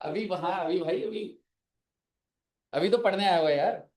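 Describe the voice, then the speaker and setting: A man's voice: high-pitched, measured pace, darkish tone. A man with an Indian accent lecturing a class, mixing Hindi and English and joking with students. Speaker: teacher. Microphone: phone. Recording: echoey classroom from far off.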